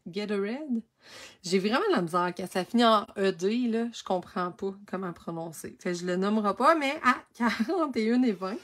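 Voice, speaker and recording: A woman with a Québécois French accent giving a casual, chatty rundown of craft products, often restarting her sentences and laughing at her own slips. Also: mid-range voice. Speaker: craft supply consultant.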